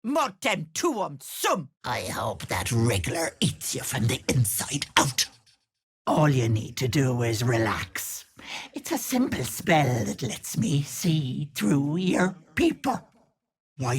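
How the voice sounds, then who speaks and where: A woman's voice: low voice, big pitch swings, slow pace, heavily acted. An actress playing a wicked old hag who poses as a sweet auntie in a video game, switching between sugary and sly, menacing talk. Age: older. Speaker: game character.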